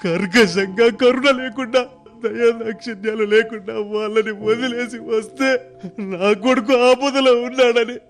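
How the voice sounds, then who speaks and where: A man's voice: very high-pitched, steady tone, moderate pace. A man playing a remorseful grown son who breaks into sobbing outbursts over his mother. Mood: grief-stricken. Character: remorseful adult son, grief-stricken and frantic.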